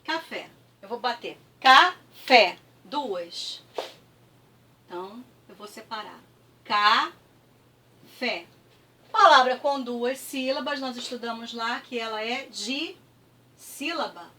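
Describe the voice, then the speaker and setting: Brief: Brazilian woman teacher, high voice, patient, drills syllables slowly, mic set back from her. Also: fairly bright tone, recorded from a distance. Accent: Brazilian Portuguese. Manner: patient, repeats words slowly with clapping, frequent "tá?" checks. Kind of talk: classroom review lesson.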